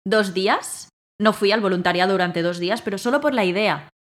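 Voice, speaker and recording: A woman telling a story in casual conversation, acting out her own lines with bursts of loudness. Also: medium pitch, fairly quick. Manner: animated, acts out her own quotes loudly. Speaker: guest.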